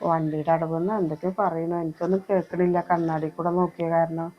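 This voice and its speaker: A woman's voice: deep voice, level tone, quick pace, natural voice. A woman with a Malappuram Malayalam accent playing a worried mother who pleads with and scolds her grown son in an amateur family short film. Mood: scolding. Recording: slightly dull lo-fi recording. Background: faint music.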